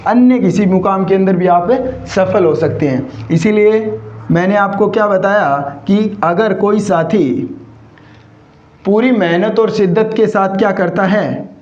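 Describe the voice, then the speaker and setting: High-voiced male teacher, echoey room. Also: darkish tone. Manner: asks the class rhetorical questions constantly, addressing them as companions; stretches out spelled words and examples slowly. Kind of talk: classroom vocabulary lesson. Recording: roomy, slightly dull sound.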